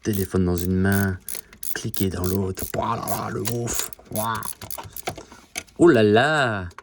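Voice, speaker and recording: A man's voice: sits low, fairly even intonation, unhurried, creaky, slight background noise. A man filming himself on a phone while working on his car, chatting nonstop in a joking way and swearing often. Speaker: DIY car repair vlogger. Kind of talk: casual chatty self-filmed video. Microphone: phone camera.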